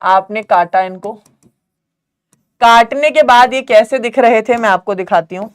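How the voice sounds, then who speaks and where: A young woman teaching biology in a live online class, mixing English terms into Hindi, quizzing students and asking whether it is clear. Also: fairly high pitch, a little slow. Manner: calls students "beta", quizzes them, asks if it's clear.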